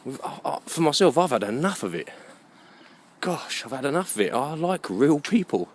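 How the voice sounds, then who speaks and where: Sing-song and high, this British man's voice moves at a normal speed as he vlogs a rambling, opinionated monologue. He emphasizes heavily, asks rhetorical questions and checks the listener understands, over a little hiss or hum.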